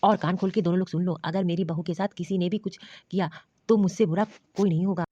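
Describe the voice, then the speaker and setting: Woman voicing old cartoon father-in-law, stern and scolding, quick talker. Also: lowish voice, steady tone, dark tone, husky, no room sound. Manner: scolding, commanding. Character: stern caring elderly father-in-law, protective. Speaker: cartoon voice actor. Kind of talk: storybook cartoon dialogue. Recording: dull lo-fi dry recording.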